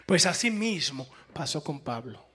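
A man's voice: fairly high pitch, measured pace, breathy edge. A man preaching a sermon, telling a story and acting out the quoted voices, addressing the congregation directly. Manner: animated, swings between loud exclamations and hushed quoted speech.

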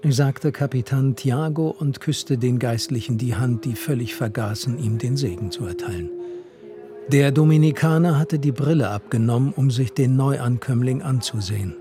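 A man giving a measured, expressive literary reading on radio, with music underneath. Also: medium pitch. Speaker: reader.

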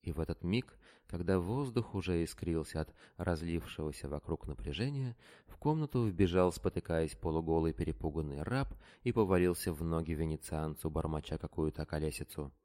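A man narrating an adventure audiobook in a steady, dramatic storytelling manner. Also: sits low, fairly quick, few pauses.

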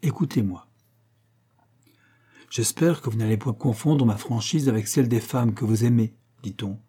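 A man reading aloud who voices an earnest, pious sixteen-year-old Venetian girl, pleading softly and at times in a hushed voice. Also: mid-range voice, normal speed, breathy edge, natural voice. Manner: pleading, soft and dreamy, sometimes whispered.

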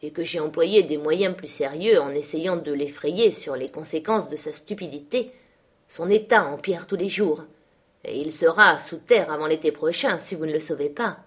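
Menacing brooding man, forceful and scornful, read by a woman. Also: sits low, normal speed, slightly rough. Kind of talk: audiobook character voice.

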